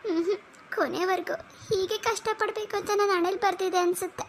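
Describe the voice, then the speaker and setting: A woman's voice: very high-pitched, steady tone, fairly quick, a little hiss or hum. A woman voicing a timid young woman in a cartoon, tearful and pleading.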